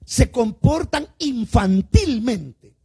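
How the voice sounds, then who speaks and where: Man, Salvadoran Spanish accent, pastor, sermon, slow drawn-out delivery, raspy gravelly voice. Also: very high voice, animated. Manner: questions the congregation directly, calling them "hermano"; drawn-out emphatic words, swinging between loud and quiet. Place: church service.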